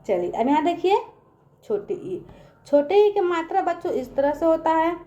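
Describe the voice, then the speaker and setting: A woman's voice: very high voice, animated, brisk, mellow, muffled recording. A woman teaching young children in a patient online lesson, asking them questions and repeating herself often.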